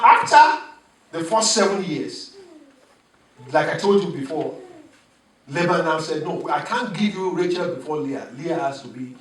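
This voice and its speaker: Pastor guy preaching in a church, bit high pitched, sounds far from the mic. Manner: animated preaching with chuckles and call-and-response. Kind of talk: sermon. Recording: echoey church room, mic at a distance.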